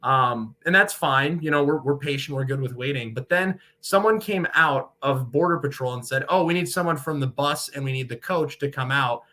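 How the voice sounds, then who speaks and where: With a bright, forceful tone, a mid-range voice, normal speed, and few pauses, this American man talks casually and at length as an interview guest. He is a sportscaster and radio play-by-play broadcaster from Michigan.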